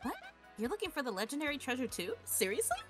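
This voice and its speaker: A woman's voice: high voice, very animated, quick pace, over music. A woman voicing a perky, sassy young mushroom-creature student from a video game, gushing and slangy. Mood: excited. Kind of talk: video game character read-aloud.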